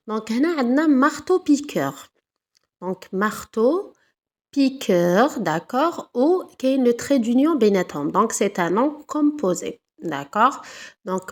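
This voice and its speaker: A woman with an Algerian accent teaching a French lesson to primary pupils, saying words slowly and checking "d'accord?" after each point. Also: fairly high pitch. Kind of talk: classroom lesson.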